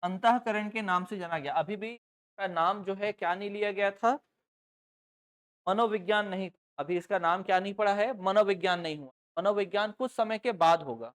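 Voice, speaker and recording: A woman teaching a live class in a middle-pitched voice, keeping her students engaged by asking questions and answering them herself. She slows down to dictate notes, spelling out each phrase for the class to copy down. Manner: slowly dictates notes, word by word. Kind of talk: live online class lecture.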